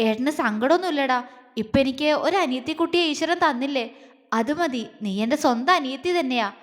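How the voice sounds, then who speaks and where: A woman's voice: high-pitched, brisk, lightly acted. A woman voicing a kind, doting man who speaks like an affectionate elder brother. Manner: warm, affectionate. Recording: long hall reverb.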